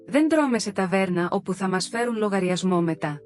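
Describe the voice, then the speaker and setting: A woman's voice: mid-range voice, animated, faint music behind, natural voice. A woman voicing a smug, freeloading sister-in-law who brushes off the complaints in a breezy, dismissive way.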